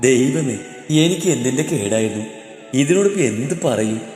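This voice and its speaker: A man voicing a gruff young man in a storybook who coaxes and soothes a little child. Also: medium pitch, animated, moderate pace, darkish tone, pitched below the performer's own voice, lightly acted. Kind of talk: storybook character dialogue. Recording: echoey roomy hall, faint music.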